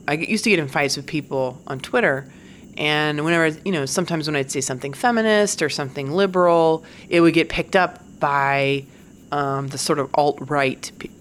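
A stand-up comedian in her forties talks candidly and casually in a profane monologue, laughing now and then. Her voice is deep with a fairly bright tone.

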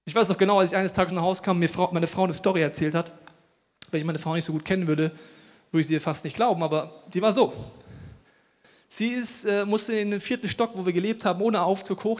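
A man gives a sermon at a church service. His voice sits high, and he tells stories with energy, acting out the voices of the people in them. The sound rings with a long reverb from the hall. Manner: lively storytelling preacher, acts out voices. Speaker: pastor.

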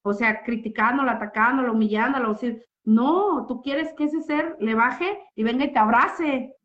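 A woman's voice: on the high side, normal speed. Heartfelt woman, muffled audio. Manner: heartfelt, expressive, many tag questions. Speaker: guest giving a therapy testimony. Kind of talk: emotional personal testimony.

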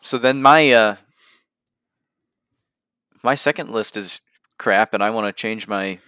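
Eager guy on a gaming podcast, bright tense voice, dry close mic. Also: fairly low pitch, measured pace, clean tone, no room sound. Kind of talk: casual gaming podcast chat.

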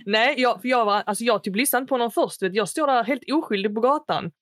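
A woman's voice: fairly high pitch, no echo. A young woman, a podcast co-host animatedly retelling a story, acting out quotes in a raised voice and slipping into English phrases. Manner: mixes English phrases into speech. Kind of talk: casual chat, storytelling.

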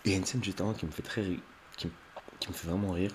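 A man's voice: low-pitched, fairly even intonation, very fast, background noise. A man hosting a video, retelling a TV film's plot in an unedited, rambling way with many fillers and restarts, now and then acting out lines in a raised voice. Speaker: video host recapping a TV film.

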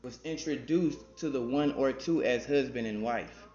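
A man's voice: mid-range voice, moderate pace, a little mellow, soft background music. Southern US man in a roomy, dull recording. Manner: loose and playful, repeats words, slangy. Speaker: podcast co-host. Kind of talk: casual chat. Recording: roomy, slightly dull podcast audio.

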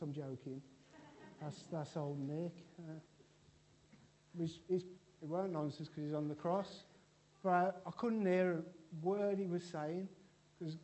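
A man's voice: on the high side, dark tone. A man preaching an informal church sermon in a chatty, joking way, often restarting his sentences.

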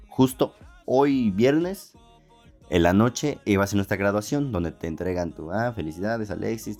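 A young podcast host with a Mexican Spanish accent tells a funny story in a low, slightly mellow male voice. His talk is casual and slangy, and he swears and laughs often.

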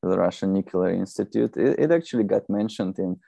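A man in his thirties from Belarus with a Belarusian accent, a non-native English speaker chatting as a podcast guest in a halting, rambling way. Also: deep voice, gravelly, dark tone, slightly rough, dry recording. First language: not English. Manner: halting, rambling, often saying "you know". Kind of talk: casual conversational interview.

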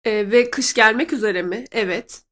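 A woman's voice: fairly high pitch, normal speed, fairly bright tone. A woman from Turkey with a nasal, congested voice from a cold, chatting casually to her listeners as host. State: sick with a cold. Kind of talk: casual chat to listeners, translating a clip aloud.

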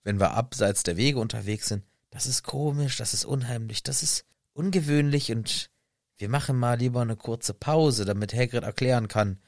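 Ein Mann, der im lockeren Podcast-Gespräch salopp und scherzend plaudert. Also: male voice, mid-range voice, moderate pace, vocal fry, no echo, studio quality. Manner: slangy, joking. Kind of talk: casual chat.

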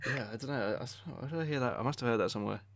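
A man's voice: medium pitch, rapid-fire. A man hosting a podcast in a casual, jokey, rambling and hesitant way. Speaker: podcast host. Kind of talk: casual chat interview.

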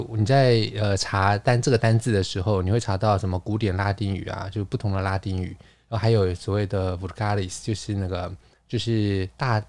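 On his laid-back podcast, a man playfully chats and explains words in detail, laughing frequently. He has a lowish voice with a darkish tone, and there's no room sound.

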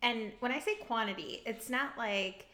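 A woman co-hosting a podcast, teasing and animated in casual storytelling. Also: on the high side, normal speed. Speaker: podcast co-host. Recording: roomy echo.

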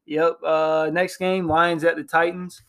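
Halting and hesitant, the young co-host keeps restarting and saying um as he talks through football picks on a casual sports podcast. His pitch is a bit high, but his delivery stays flat, without much rise and fall.

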